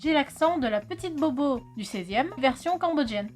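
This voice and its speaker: Brief: bright high-pitched woman from France, casual vlog teacher, chatty, jokey, swears a bit. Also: animated, moderate pace, soft background music. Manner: chatty, swears, jokes with friend. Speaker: video host teaching Khmer.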